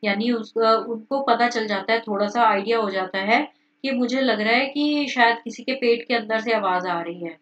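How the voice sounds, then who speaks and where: Woman teacher with a fairly high voice, retells a story line by line in casual words, muffled recording from a distance. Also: normal speed, a bit bright. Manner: reads lines then re-explains in casual words. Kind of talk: explaining a story lesson.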